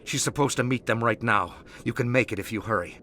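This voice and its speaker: An actor playing a cowardly, self-serving crime boss in a video game, talking in an anxious, defensive way. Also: male voice, mid-range voice, fairly quick, sharp tone, a little hiss or hum, lightly acted. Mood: defensive, sly.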